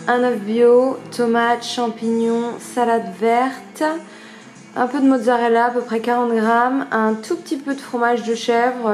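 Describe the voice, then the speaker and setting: A woman's voice: fairly high pitch, darkish tone. A young woman, chatting casually in a fitness vlog from home and listing things with many fillers. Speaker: fitness vlogger. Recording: roomy echo, faint background ambience.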